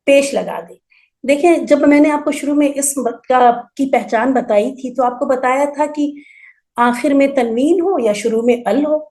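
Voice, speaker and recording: A woman teaching an Arabic grammar class, explaining patiently and slowly repeating word forms for emphasis. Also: high-pitched, darkish tone. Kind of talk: online class lecture.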